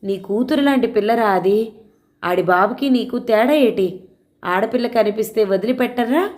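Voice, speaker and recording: A woman voicing a stern, sharp-tongued, middle-aged village aunt who scolds bluntly. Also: a little high, normal speed, natural voice. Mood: scolding.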